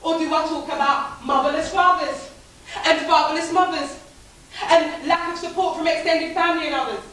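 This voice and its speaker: A woman's voice: high voice, fairly even intonation, moderate pace, fairly bright tone. An actress performing a spoken-word theatre monologue, playing a young woman haunted by abuse, bitter and defiant, in a rhythmic, rhyming delivery. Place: theatre stage. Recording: echoey hall, taped from far off.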